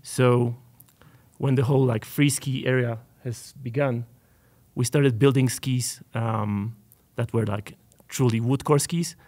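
Slow, halting man with a Polish accent. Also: mid-range voice, steady tone, darkish tone. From Poland. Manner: halting, searching for words, with many fillers. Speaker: panel guest, ski maker. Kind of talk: panel talk. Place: stage before a live audience.

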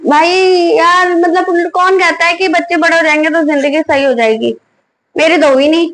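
Young woman, high voice, tired and hungry, frustrated, casual home vlog, phone on a tripod. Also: fairly even intonation, moderate pace, fairly bright tone, poor audio. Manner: frustrated, weary, talks straight to camera. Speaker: vlogger, young mother. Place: home bedroom and kitchen at night. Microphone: phone camera on tripod.

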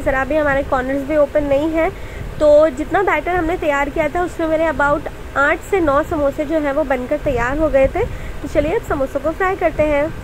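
A woman's voice: high voice, slight background noise, low-quality recording. A woman hosting a cooking channel, narrating a recipe step by step in a voice-over with friendly tips for viewers.

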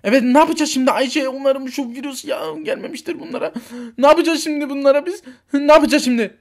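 A man's voice: high-pitched, fairly quick. A man voicing a flustered, panicky father in a toy figure story, repeating himself.

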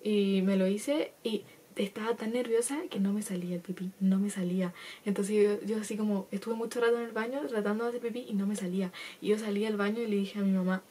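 A woman's voice: medium pitch, fairly even intonation, fast talker, mellow, husky. A fifteen-year-old girl with a Chilean accent, telling a personal story to camera in a casual, chatty way with lots of laughs. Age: teenager, 15. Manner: chatty, laughs often, acts out quotes. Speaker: vlogger.

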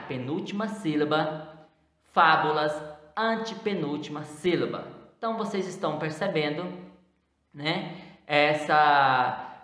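Low-voiced woman teacher in an echoey room. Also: fairly bright tone. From Brazil. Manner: explains step by step, checks in with "né?" and "então"; stretches out example words slowly, saying them twice. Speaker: primary school teacher. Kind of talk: recorded video lesson correcting exercises.

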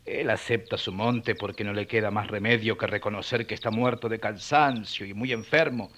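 Bright-voiced, plain-spoken friar. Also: male voice, lowish voice, steady tone, normal speed. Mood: earnest. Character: plain-spoken, protective male friar companion. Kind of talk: radio serial acting.

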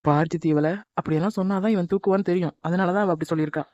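A woman voicing a sharp-tongued, jealous young woman in a cartoon, scolding and sarcastic. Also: lowish voice, steady tone, rapid-fire, no echo, dull audio, natural voice. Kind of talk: animated cartoon dub.

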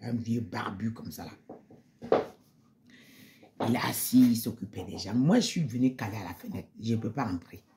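A woman's voice: a bass voice, expressive, moderate pace, long pauses, warm tone, a little hiss or hum. A woman giving an emotional spoken testimony in church, repeating phrases and sometimes dropping to a near-whisper.

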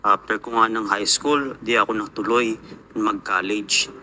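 A man's voice: fairly low pitch, fairly even intonation, unhurried, sharp tone, a little hiss or hum. A young Filipino man, an overseas worker, telling his life story in a reflective, earnest voice-over. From Philippines.

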